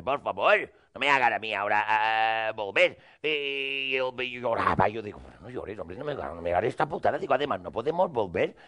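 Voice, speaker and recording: A man's voice: on the high side, sharp tone. A man telling a rambling, crude comic monologue in character, acting out both sides of the dialogue.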